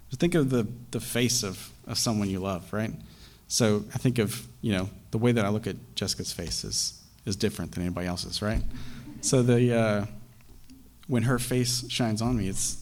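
Halting young male preacher. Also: medium pitch, a little mellow. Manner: halting, with many fillers and restarts. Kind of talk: sermon.

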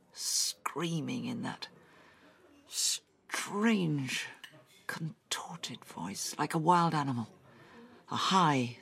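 An actress voicing a traumatized woman recounting a brutal attack, halting and often dropping into whispers, in an audio drama. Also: very deep voice, creaky, breathy edge, full character voice.

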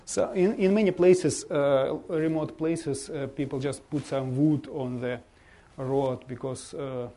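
A man with a Russian accent presents slides informally to an audience in halting non-native English. His voice is dark and mellow at a medium pitch, and he often searches for the right word. There is faint noise behind him. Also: steady tone. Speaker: bishop giving a guest presentation.

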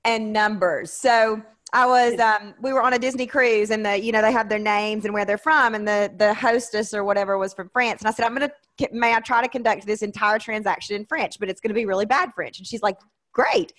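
A woman hosting a casual interview, effusive in her talk and quick to joke about herself. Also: medium pitch, fairly even intonation, fairly bright tone. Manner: effusive, self-joking. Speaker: show host.

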